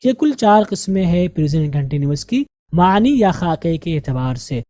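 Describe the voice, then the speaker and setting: Woman teacher drilling English words slowly. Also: on the low side, sing-song, warm tone, no echo. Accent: Indian Urdu-speaking. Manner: slow, drilling pronunciation and repeating words. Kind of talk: grammar and vocabulary lesson.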